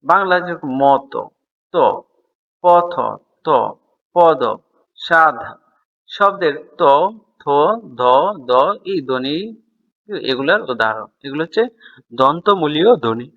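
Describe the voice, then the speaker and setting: A man's voice: a little high, expressive, takes it slowly, pauses often, a bit bright, lo-fi sound. A man teaching a school grammar lesson, explaining step by step and answering his own questions.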